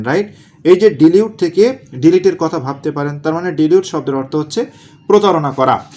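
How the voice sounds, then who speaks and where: A man teaching exam vocabulary, asking questions and answering them himself, repeating key words slowly. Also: a little high, a little mellow. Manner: asks and answers his own questions, drills words slowly. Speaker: exam prep tutor. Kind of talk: vocabulary lesson.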